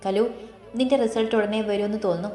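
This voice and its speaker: A woman's voice: mid-range voice, quick pace, dark tone, close to an everyday voice. A woman voicing a cheerful young student sister-in-law in a storybook reading, talking in a chatty, friendly way, in a roomy recording with faint music.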